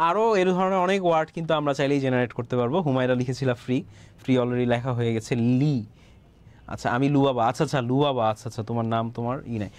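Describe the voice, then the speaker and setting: A man with a Bangladeshi accent leads a live online English lesson, speaking a little higher than most men. He reads out student answers in an encouraging way, repeats each word and keeps checking that the class is following. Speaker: English teacher.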